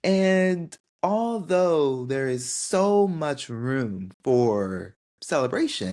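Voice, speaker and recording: Slow, gentle young woman podcaster. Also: sits low. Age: 20s. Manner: gentle, heartfelt, unhurried with frequent pauses. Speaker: podcast host. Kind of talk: solo reflective podcast monologue.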